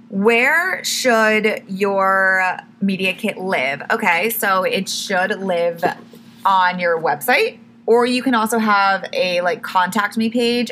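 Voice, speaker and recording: A young woman hosts a casual solo podcast full of tips, chatty and loose, constantly saying "like" and "literally" and quickly correcting herself. Her lowish voice is bright and clear, with some hoarseness creeping in, over a faint room hum.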